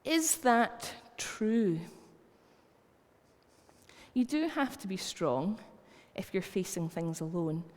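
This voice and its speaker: A woman's voice: mid-range voice, sing-song, takes it slowly, pauses often, a little mellow. Scottish woman preaching in a reverberant church. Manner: conversational, anecdotal storytelling. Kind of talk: sermon. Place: church hall.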